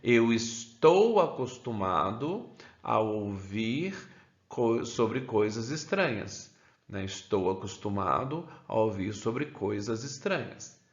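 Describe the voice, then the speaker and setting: Brazilian teacher with a roomy, dull sound. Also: male voice, on the low side, sing-song. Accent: Brazilian Portuguese. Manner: keeps adding "né?" after phrases, says English examples slowly. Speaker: English teacher. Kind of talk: explaining a grammar lesson.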